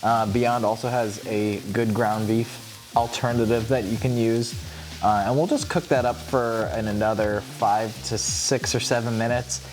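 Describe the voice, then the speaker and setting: A man's voice: lowish voice, steady tone, a little slow, a little mellow. A man co-hosting a casual cooking video, explaining recipes while his mouth is numb from dental work. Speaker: co-host of cooking channel.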